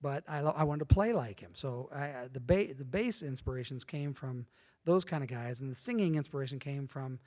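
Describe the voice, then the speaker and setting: Long room reverb colors this recording of a middle-aged man guesting on an interview. His mid-range voice moves a little fast as he tells lively, casual stories, acting out the dialogue along the way.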